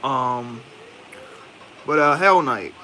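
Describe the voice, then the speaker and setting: Bright-voiced Indian-accented man rambling casually. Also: medium pitch, extremely slow, slight background noise. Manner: rambling, slangy, thinking aloud with many fillers. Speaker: movie reviewer. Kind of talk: casual spoken movie review.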